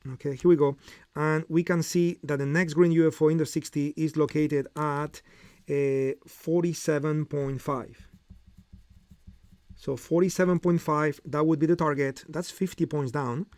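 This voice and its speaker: A man's voice: fairly high pitch, fairly even intonation, measured pace, darkish tone, no echo, clean studio sound. A middle-aged man hosting a live trading lesson, explaining step by step with frequent fillers and "okay?" check-ins. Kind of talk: live market commentary and teaching.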